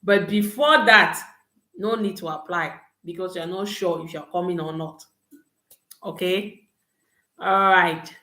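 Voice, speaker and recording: A young woman hosts a live Q&A, giving advice and checking in with "okay" and "all right." Her voice sits a little low. The room around her sounds echoey and open. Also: measured pace, pauses often, sharp tone. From Cameroon. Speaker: host answering study-abroad questions. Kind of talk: live Q&A chat. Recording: roomy echo.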